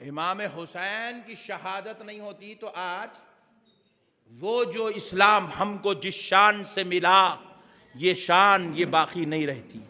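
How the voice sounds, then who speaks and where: A man preaching a fervent sermon to a gathering, building repeated refrains that rise to shouts. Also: sits high. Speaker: Islamic preacher. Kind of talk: impassioned sermon. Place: religious gathering with a live audience. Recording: long hall reverb.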